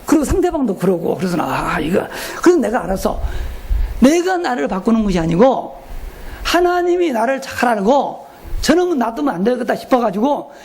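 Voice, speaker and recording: A man's voice: very high voice, big pitch swings, a little fast, gravelly, a little mellow. A middle-aged male pastor giving a folksy, joking retreat sermon and asking the congregation questions.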